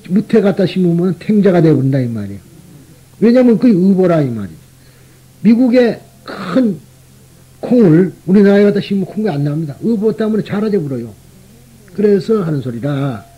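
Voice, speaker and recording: Husky high-voiced monk. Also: male voice, dull audio. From Gyeongsang region, Korea. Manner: conversational, often tags rhetorical questions to the listeners. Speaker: Buddhist monk lecturer. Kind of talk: sermon.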